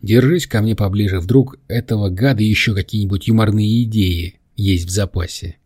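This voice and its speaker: A man's voice: lowish voice, moderate pace, darkish tone, no echo, studio quality, natural voice. A man reading the lines of a blunt, nervous young man in an audiobook. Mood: wry.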